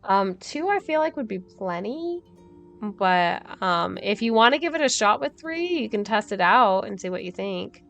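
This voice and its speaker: A woman's voice: mid-range voice, very animated, normal speed, gravelly, a bit bright, dull audio, faint music behind. A woman streaming a game, chatting casually and thinking aloud while she plays, with frequent laughs. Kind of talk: casual gameplay commentary.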